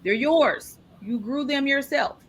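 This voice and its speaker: In a casual interview, a woman guest talks candidly and animatedly about her own experience. Her voice is high-pitched and she speaks slowly.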